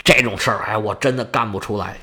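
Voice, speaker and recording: A man voicing a proud, stubborn Roman general who talks in a gruff, grudging way. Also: on the low side, steady tone, fast talker, pushed and bright, pitched below the performer's own voice. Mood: reluctant.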